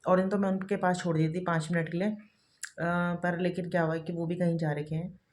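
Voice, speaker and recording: A mother of two in her thirties chats through a daily home vlog, repeating herself as she does housework around the kitchen and other rooms. Her fairly low voice is flat and darkish, and she talks fairly quickly.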